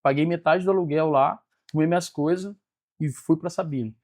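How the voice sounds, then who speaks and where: A high-pitched man, telling his life story in a podcast interview. He acts out every quoted line with feeling. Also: a little fast. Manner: animated storyteller acting out quoted dialogue. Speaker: guest, business mentor.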